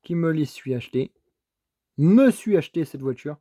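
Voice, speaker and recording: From his home desk, a male vlogger unboxes toy cars in animated, casual commentary, repeatedly praising them with enthusiasm while stammering and restarting. His voice is slightly high and warm at a normal speed, captured in a dry, studio-quality recording.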